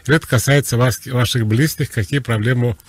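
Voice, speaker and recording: A man giving psychological advice on a radio call-in show, explaining in a relaxed, conversational way. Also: mid-range voice, fairly quick, no echo.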